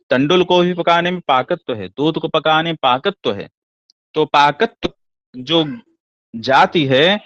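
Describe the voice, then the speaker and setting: In a dull, lo-fi, dry recording with no room sound, a slightly high, fairly bright male voice lectures on classical Sanskrit poetics. His explanatory style has him ask rhetorical questions, then answer them himself.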